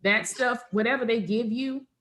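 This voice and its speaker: A woman's voice: on the high side, steady tone, moderate pace, fairly bright tone. A woman sharing a frank personal story on an online panel. She talks openly and plainly, voices the people in her story and laughs as she goes. She is heard over a video call. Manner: candid storytelling, acts out quotes, laughs often. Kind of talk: personal testimony on a webinar panel.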